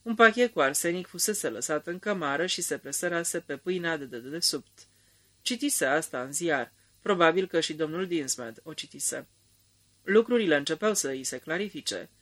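A man narrating a radio drama in a calm, measured storytelling manner. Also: fairly high pitch.

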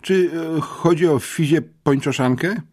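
A man voicing a dim, whiny teenage bodybuilder boy in an audiobook, squeaking and slow on the uptake. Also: a little mellow, slightly rough. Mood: puzzled. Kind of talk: audiobook character voice.

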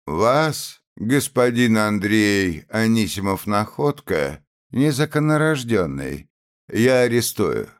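A man's voice: on the low side, animated, slow pace, pitched above the performer's own voice. A man voicing a cold, contemptuous young officer who speaks in curt commands with sneering politeness.

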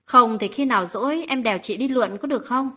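A woman voicing a soft-spoken lovestruck young man. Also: fairly high pitch, quick pace, breathy edge. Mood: tender.

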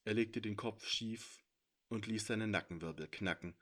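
A man narrating his own fantasy story in a measured storytelling manner. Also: fairly low pitch, a bit bright. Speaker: author and narrator. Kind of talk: audiobook narration.

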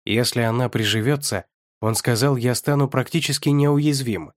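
A man's voice: medium pitch, normal speed, dry recording, studio quality, close to an everyday voice. A man voicing a sarcastic, touchy young man in an audiobook, snapping back when pressed. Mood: careful.

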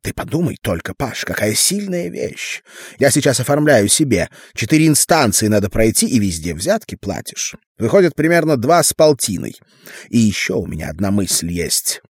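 A man's voice: fairly low pitch, sing-song, moderate pace, slightly rough, dry recording, studio quality, exaggerated voice. A man reading an audiobook, voicing a scheming man with a thin tenor who rambles on about his deals. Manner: rambling, absorbed, talks over his listener.

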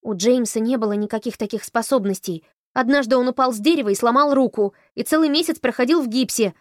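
Woman voicing a rude, shrill teenage girl. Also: fast, dry recording, studio quality, natural voice. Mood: indignant. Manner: shouting, snapping, indignant. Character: rude shocked teenage girl, defiant and loud.

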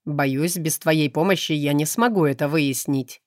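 A woman voicing a calm, aloof male demon in an audiobook, speaking in an unhurried, detached way. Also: low-pitched, no room sound, studio quality. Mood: cool. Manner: unhurried, detached, flat delivery. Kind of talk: audiobook character reading.

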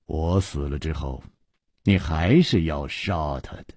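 A man voicing a proud male hero who is cornered but composed, speaking in a quiet, measured and resigned way, in a Chinese storytelling radio reading. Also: a bass voice, breathy edge, dry recording, clean studio sound, voice pushed down, full character voice. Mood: grim.

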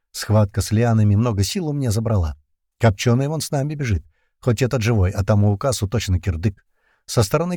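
A man narrating a first-person action audiobook, tense and urgent, loudly shouting the characters' lines. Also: lowish voice, slightly rough, no room sound, clean studio sound.

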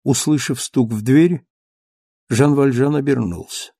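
A man narrating a classic novel as an audiobook with steady, measured delivery. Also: medium pitch, husky, no room sound, clean studio sound.

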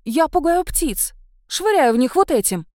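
A woman voicing a high, jumpy ghost girl. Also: big pitch swings, dark tone, no echo, clean studio sound. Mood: anxious. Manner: high, quick and defensive. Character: restless ghost of a young witch girl, jumpy and scared.

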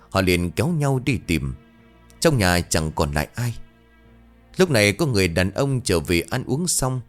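A man reading a ghost story aloud in a dramatic, measured way. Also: low-pitched. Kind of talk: scripted ghost story narration. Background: faint music.

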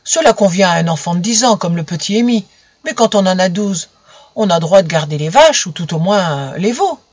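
A reader voicing a resentful twelve-year-old farm boy who talks loud, fast and scornful, in a storybook reading. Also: medium pitch, animated, no echo, natural voice.

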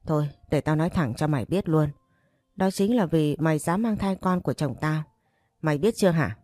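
A woman voicing a jealous, cruel young wife who threatens and taunts in a low, warm voice. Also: fairly quick, no echo. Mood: threatening. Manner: taunting, menacing.

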